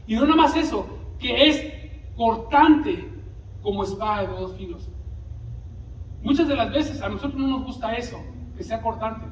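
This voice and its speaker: A man's voice: extremely high pitch, animated, normal speed, a little hiss or hum. Guy preaching to his congregation, keeps asking them questions, roomy church sound. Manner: preaches with call-and-response asides. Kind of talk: sermon. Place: church sanctuary. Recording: echoey distant church recording.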